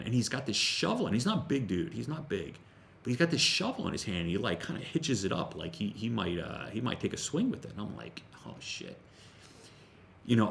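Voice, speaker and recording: Gravelly low-voiced man telling a rambling story. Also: a little hiss or hum. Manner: rambling, with frequent restarts and fillers; casual, with the odd swear word. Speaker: jiu-jitsu instructor. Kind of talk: casual storytelling during a workout stream.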